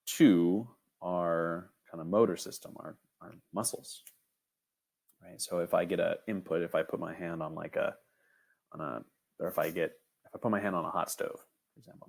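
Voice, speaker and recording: A young man teaching an online robotics lesson in a casual, rambling way, often checking in with "right?" and filling pauses with "um". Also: sits low, gravelly. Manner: casual, filler-heavy, frequent "right?" checks.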